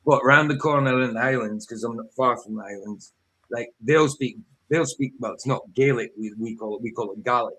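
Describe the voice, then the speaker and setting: A man's voice: medium pitch, a little fast, a bit bright, poor audio. A man from northeast Scotland with a Doric accent, chatting casually and often repeating his phrases. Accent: northeast Scottish Doric. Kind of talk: casual chat.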